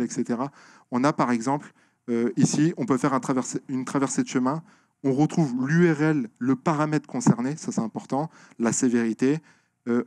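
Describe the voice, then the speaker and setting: A man speaking at a conference, answering audience questions with many pauses and restarts. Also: mid-range voice, a little mellow, no echo. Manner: hesitant, many fillers and restarts, explanatory. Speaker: conference speaker on software security. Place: lecture room.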